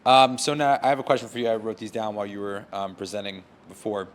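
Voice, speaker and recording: A man with a fairly low voice hosts a question-and-answer session. He talks in a casual, friendly way and checks in easily with the audience. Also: flat delivery, quick pace. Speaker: workshop moderator. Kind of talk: asking questions in a Q&A.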